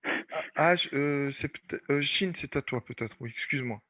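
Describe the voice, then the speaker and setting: A man's voice: medium pitch, normal speed, bright, forceful tone, dry recording. A man teaching an online class, explaining patiently and repeating points with many fillers. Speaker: French teacher.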